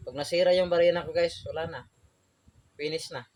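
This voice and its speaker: A man's voice: on the high side, fairly even intonation, fairly quick, a little mellow. A young Filipino man from outside Manila, an electrician chatting casually through a job-site tutorial and saying "guys" constantly. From Philippines, outside Manila. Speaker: electrician vlogger.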